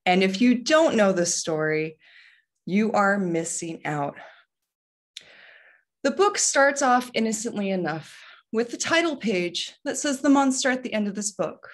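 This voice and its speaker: A woman giving an impromptu storytelling speech at a speaking club over a video call, telling the story in a deliberate, animated way. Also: medium pitch.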